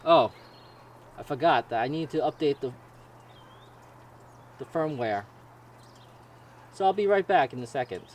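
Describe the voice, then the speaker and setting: A man with a slightly high voice talks through a piece of gear as a reviewer. His delivery is casual and a bit halting, with stumbled words. The raw recording carries faint background noise. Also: animated. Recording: noisy raw camera-mic audio with ambience.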